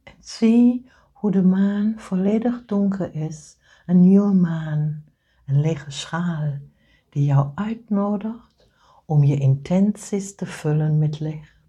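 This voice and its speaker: Female meditation guide; low, very slow, breathy and half-whispered. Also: warm tone, lo-fi sound. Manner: slow soothing delivery, often whispered.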